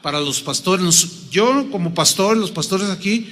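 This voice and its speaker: A man with a Mexican accent preaching a sermon as pastor, humorous and animated, acting out little dialogues. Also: high-pitched, unhurried. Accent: Mexican Spanish. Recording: long reverb of a big hall.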